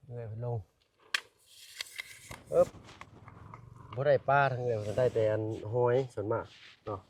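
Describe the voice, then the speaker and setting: With a medium-pitched, slightly mellow voice and a slightly slow pace, an Isan-accented man narrates his casual outdoor vlog in a village. The dry recording picks him up from a distance, along with a little hiss or hum. He talks with the locals he meets and addresses his audience as brothers and sisters.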